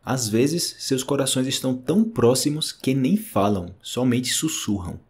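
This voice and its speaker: Gentle Brazilian man reading a story. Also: mid-range voice, expressive, moderate pace. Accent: Brazilian Portuguese. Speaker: language teacher reading a story. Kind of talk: read-aloud storytelling.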